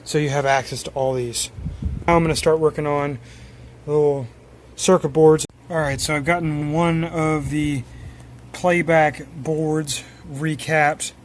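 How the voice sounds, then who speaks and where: A man who repairs electronics as a hobby gives casual, hands-on repair commentary, informal and self-deprecating. His voice sits on the high side and moves a little slowly. Steady background noise is clearly audible.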